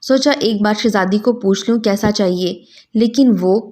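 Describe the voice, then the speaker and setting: Woman reader as a calm, kind young man, storybook style. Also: mid-range voice, lightly acted. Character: kind young man, gentle, patient groom-to-be.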